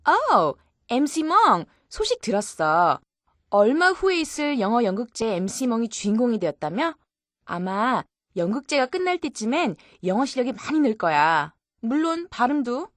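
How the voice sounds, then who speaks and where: A woman's voice: fairly high pitch, sing-song, moderate pace, no echo, clean studio sound. A woman voicing a helpful female cartoon friend who encourages and corrects. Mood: encouraging. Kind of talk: educational cartoon dialogue.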